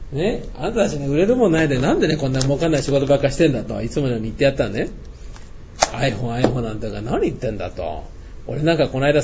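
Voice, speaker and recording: A man's voice: mid-range voice, darkish tone. An older man giving a blunt, scolding lecture-style talk. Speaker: speaker. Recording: dull lo-fi sound with faint noise.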